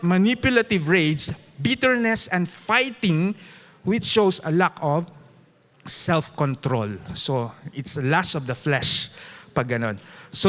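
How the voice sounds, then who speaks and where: Lively high-voiced Filipino preacher. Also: male voice. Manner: lively, mixing English into Tagalog, with chuckles and audience prompts. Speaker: Bible study teacher. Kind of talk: Bible study sermon. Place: church.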